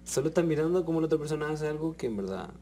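A young Mexican man in casual chat, earnest and given to long explanations with restarts. His voice is dark and mellow, with a faint hum behind it. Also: fairly high pitch, expressive, racing. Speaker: reality show contestant. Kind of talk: casual chat among housemates.

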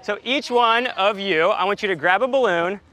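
A young man giving an excited live science demonstration outdoors, throwing questions to a group. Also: high-pitched, moderate pace, rough recording. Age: young adult. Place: outdoors, lawn in a courtyard.

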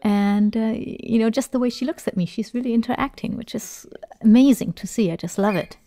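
A woman's voice: on the high side, fairly quick, warm tone, dry recording. A woman talking as a parrot trainer in a chatty, enthusiastic voice-over, with small fillers. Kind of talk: instructional voice-over narration.

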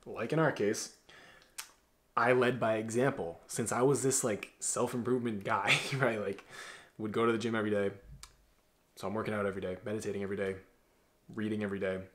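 A man's voice: lowish voice, fairly even intonation, brisk, pauses often, fairly bright tone. Blunt young man giving casual advice. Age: 20s. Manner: blunt, joking, gives direct advice. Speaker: host. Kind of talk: casual Q&A chat. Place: dim bedroom, indoors.

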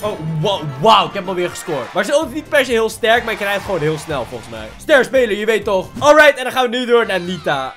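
Excitable male gaming YouTuber, very high and bouncy voice, faint game music underneath. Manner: excitable, exclaims often, mixes in English slang. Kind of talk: excited gameplay commentary.

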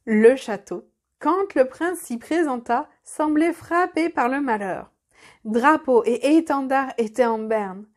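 Brief: female storyteller, high-pitched, measured expressive reading of a children's tale.

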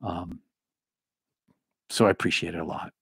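A middle-aged man from the Boston area hosts a live stream in a loose, rambling chat, stopping to thank viewers by name. His voice sits low and has a husky edge. The sound is dry and close, with little room around it. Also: fairly even intonation, moderate pace, fairly bright tone, dry recording. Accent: trained-out Boston, mostly neutral American. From Boston area, United States. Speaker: livestream host and former minister. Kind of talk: casual livestream chat.

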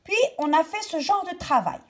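A woman teacher giving a slow, carefully articulated grammar lesson to children. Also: extremely high pitch, very animated, a little mellow.

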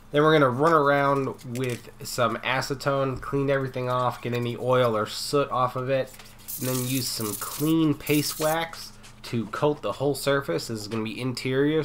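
A man with a stuffy, nasal voice from a cold narrates his metalwork build in a relaxed, unscripted way, pausing and restarting as he explains. His pitch sits in the middle range. Grinding and tool noise from the shop runs clearly behind him. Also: rough recording. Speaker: metal fabrication channel host.

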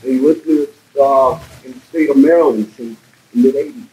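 A man's voice: mid-range voice, normal speed, mellow, slight background noise, low-quality recording. Man from Guatemala speaking outdoors. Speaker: muralist giving remarks. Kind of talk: public remarks to a crowd. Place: outdoor park plaza.

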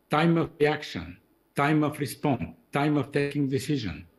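A man's voice: medium pitch, a little mellow. An older man from Bulgaria, giving an emphatic keynote speech over a video call and repeating his key phrases. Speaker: keynote speaker.

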